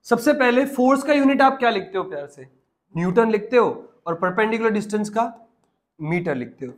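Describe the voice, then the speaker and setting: A man's voice: sits high, lively intonation, a little fast. A man teaching a physics lesson online, coaxing the class along and asking check questions as he works through units. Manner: coaxing, asks the class check questions, mixes English terms into Hindi.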